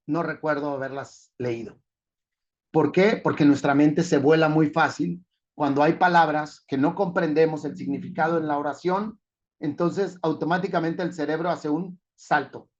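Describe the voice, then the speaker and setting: A man's voice: a little high, muffled recording. A man giving a talk at a forum, putting rhetorical questions to the audience and explaining with everyday examples. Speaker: conference speaker.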